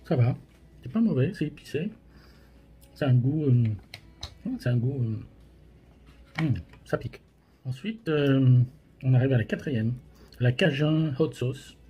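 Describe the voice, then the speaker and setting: A man's voice: medium pitch, takes it slowly, long pauses, husky, muffled recording. A man gives casual, hesitant tasting commentary as a host, his mouth burning from spicy food. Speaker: host of a hot sauce tasting challenge.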